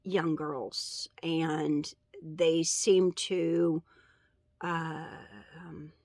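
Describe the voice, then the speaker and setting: A woman recounting a dream in a casual religious testimony, halting and earnest, with many fillers and pauses. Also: sits low, flat delivery, darkish tone, no room sound, clean studio sound. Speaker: vlogger sharing a dream.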